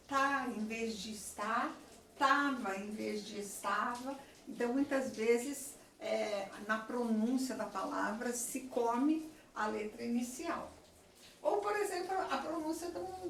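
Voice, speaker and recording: Slow-talking woman teacher. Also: a little high. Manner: slow, explanatory, checks in with the class often. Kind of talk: classroom lecture. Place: classroom with a chalkboard. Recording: echoey room, voice from far off, faint noise.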